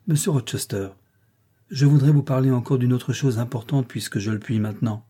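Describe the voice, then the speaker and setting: Male reader as reserved young governess, audiobook, mellow breathy voice. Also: medium pitch, fairly quick, close to an everyday voice. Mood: earnest. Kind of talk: audiobook reading.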